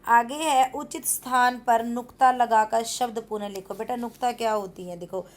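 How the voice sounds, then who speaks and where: A woman's voice: a little high, steady tone, normal speed. A woman teacher patiently explaining a school grammar exercise, repeating points and asking her pupils questions.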